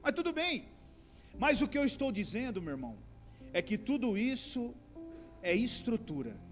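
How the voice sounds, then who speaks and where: A man's voice: very high voice, big pitch swings, moderate pace, faint music behind. A man pastor preaching a sermon, addressing the congregation as brothers and rising into pleading outbursts.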